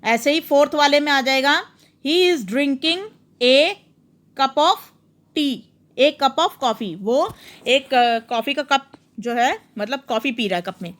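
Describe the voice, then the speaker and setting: High-voiced, slow-paced woman teacher. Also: fairly bright tone. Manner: patient, explains each example step by step, reads English slowly. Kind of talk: worksheet lesson explanation.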